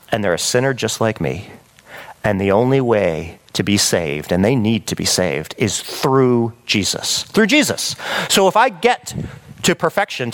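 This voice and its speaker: A man preaching a sermon in a conversational, animated way, often checking in with the listeners. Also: fairly high pitch.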